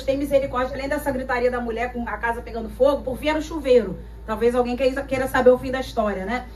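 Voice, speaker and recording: High-voiced Brazilian woman pastor preaching. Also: distant mic, slight background noise. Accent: Brazilian Portuguese. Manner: dramatic storytelling, acting out voices and repeating phrases. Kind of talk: sermon.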